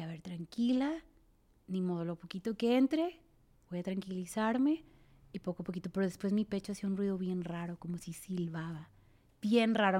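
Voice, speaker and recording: A woman with a Mexican accent telling a personal story in a casual chat, sinking to a breathy near-whisper in tense parts and acting out others' voices. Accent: Mexican Spanish. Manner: animated, acts out quoted voices louder and higher.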